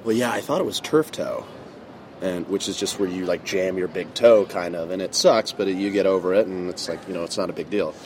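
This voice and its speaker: College athlete, 20s, deep and relaxed, filler-heavy chat recorded outside with clear traffic noise. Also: male voice, fairly quick. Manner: loose and chatty, full of fillers. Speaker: college football player. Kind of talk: casual interview talk. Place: outdoors at a campus table.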